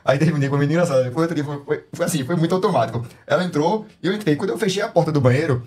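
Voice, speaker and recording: A man with a Brazilian Portuguese accent, co-hosting a podcast and telling family stories in a casual, animated way, laughing often and mimicking his daughter. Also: on the high side, racing, crowd noise. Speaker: podcast co-host. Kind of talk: casual chat.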